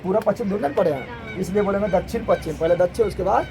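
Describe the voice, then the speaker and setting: A male teacher, giving an animated classroom lecture and firing repeated questions at his students. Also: high voice, very fast. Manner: animated, repetitive questioning, colloquial Hindi with regional forms. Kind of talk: classroom lecture with call-and-response.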